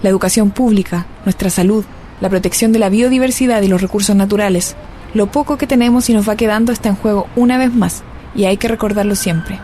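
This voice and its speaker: A woman's voice: mid-range voice, a little fast, mellow, a little hiss or hum. A Chilean woman giving scripted documentary narration in an earnest, rallying way.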